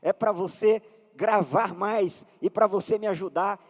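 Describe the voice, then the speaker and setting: A man with a Brazilian Portuguese accent preaching a sermon while fighting a slight cold, building with passion toward shouted lines. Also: high voice, a little slow. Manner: impassioned preaching, rising to shouts. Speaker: pastor. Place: large church hall. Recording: long echo of a church hall.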